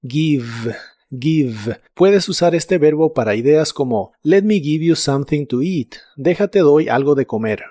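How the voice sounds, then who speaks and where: Calm man teaching an English lesson. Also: fairly high pitch, no room sound, studio quality. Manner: slow, even explanation with repeated example words. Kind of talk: scripted language lesson.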